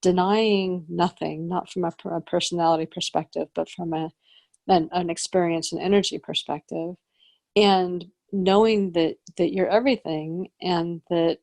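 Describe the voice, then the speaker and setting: A woman's voice: lowish voice, steady tone, normal speed, creaky, darkish tone, no room sound. A woman co-hosting a podcast, talking in a rambling, reflective way with frequent restarts as she searches for words. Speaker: podcast co-host. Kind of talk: casual spiritual conversation.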